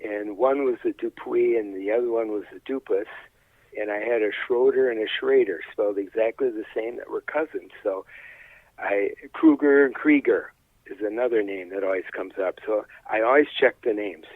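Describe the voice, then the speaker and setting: Speaking at normal speed in a fairly low voice, an older man chats casually during an interview about his work as a high school sports announcer. He's plain-spoken, folksy and hesitant, and the slightly dull audio carries no room sound.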